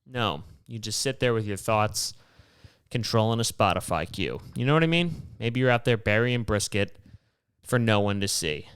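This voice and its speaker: Brief: male podcaster, mid-pitched, smooth voice, rambling and profane, dry close sound. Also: lively intonation, normal speed, a bit bright, dry recording. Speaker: podcast host. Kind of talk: casual solo storytelling.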